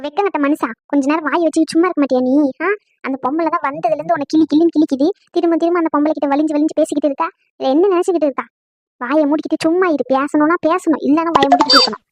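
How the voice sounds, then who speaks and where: A woman voicing a loud, bossy young sister, quarrelsome and quick. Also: high voice, fairly even intonation, a little hiss or hum, lightly acted. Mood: furious.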